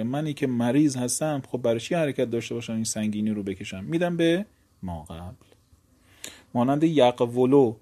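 A man's voice: medium pitch, dark tone. A man teaching a grammar lesson, explaining rules step by step, asking rhetorical questions and bringing letters to life as characters.

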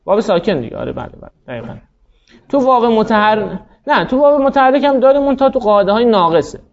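Guy with a pretty high voice giving a classroom lecture, keeps asking the students questions, muffled lo-fi recording. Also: sing-song, vocal fry. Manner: explains step by step, quizzing students. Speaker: teacher of Arabic grammar.

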